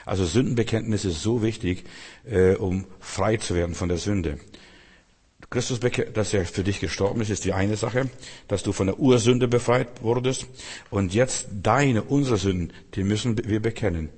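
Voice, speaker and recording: Male preacher, sermon, husky low voice, earnest, long reverb of a church hall. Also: moderate pace, a little mellow. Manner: earnest, repetitive, addresses listener as du.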